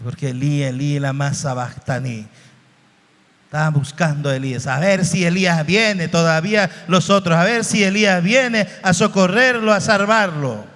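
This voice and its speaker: A man from Bolivia preaching a sermon slowly and emotionally, with dramatic shifts in his voice. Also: sits high, fairly bright tone. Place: church hall. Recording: reverberant hall.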